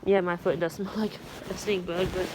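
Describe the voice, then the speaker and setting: This amateur weather radio vlogger sits in a room at home at night, rambling casually and matter-of-factly to her phone and half muttering to herself. Her voice is on the low side and darkish, flat, at normal speed. The handheld audio is poor, with faint background noise.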